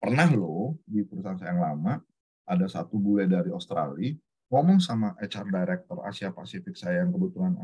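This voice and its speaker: A middle-aged man from Indonesia with a husky, slightly breathy voice. He talks casually on a webinar call over a computer mic, acting out little dialogues as he tells stories and slipping English phrases into his speech. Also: lowish voice. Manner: lively storyteller, acts out dialogues, mixes in English words. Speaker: webinar speaker, HR manager.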